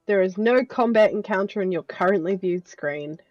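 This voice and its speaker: Mellow woman on a dull mic. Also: mid-range voice, normal speed, dry recording, soft background music. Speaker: player.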